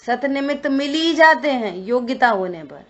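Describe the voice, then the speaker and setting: A woman's voice: high-pitched, animated, moderate pace, a bit bright. A woman teaching a scripture study session, explaining points and answering her own questions. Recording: dull lo-fi recording.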